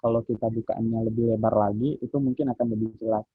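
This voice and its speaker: A man teaching public speaking in a relaxed, instructive way with frequent fillers, heard over a call. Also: lowish voice, quick pace, breathy edge, no echo. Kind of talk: online training session. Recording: muffled phone-like call audio.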